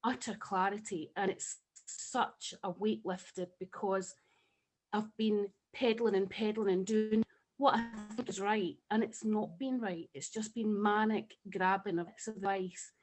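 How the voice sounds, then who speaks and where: A woman with a Scottish accent talks over a video call. She gushes with passion and turns emotional at times, her voice sitting at a middling pitch. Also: steady tone, a little slow, poor audio. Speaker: webinar participant.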